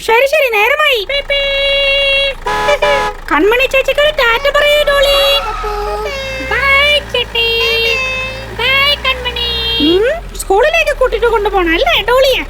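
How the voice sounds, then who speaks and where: Mischievous cartoon boy, teasing and mocking, very high squeaky voice, noisy track. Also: unhurried, long pauses.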